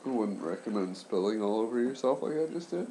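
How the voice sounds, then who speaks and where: A man in his late twenties chatting casually in a subdued, halting way, with congested, slightly impaired speech after nose and throat surgery. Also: mid-range voice, expressive, mellow, slight background noise, poor audio. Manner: subdued, keeping voice down for a sleeper; halting, trailing pauses. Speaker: patient sharing surgery recovery. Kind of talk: casual vlog chat.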